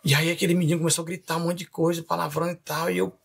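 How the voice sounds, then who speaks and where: A man recounts his life story as a pastor on a podcast. His voice is gravelly and husky, lively in its storytelling and broken up by chuckles. He speaks in an easy, conversational way. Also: fairly high pitch, rapid-fire. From Rio de Janeiro. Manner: animated storyteller, laughs often.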